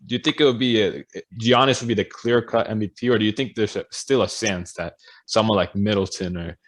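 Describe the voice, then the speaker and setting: A man's voice: fairly low pitch, steady tone, a little fast. A young man co-hosting a podcast in casual chat, hesitant and full of fillers as he works through his points. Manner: hesitant, lots of fillers and restarts. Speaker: podcast co-host.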